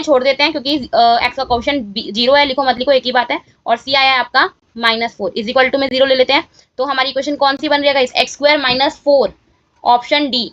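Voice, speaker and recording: A woman's voice: high-pitched, fairly bright tone, no echo, highs cut off. A woman teaching a maths lesson, walking students through each step of exam answers and checking in with them often. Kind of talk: exam-solution walkthrough lesson.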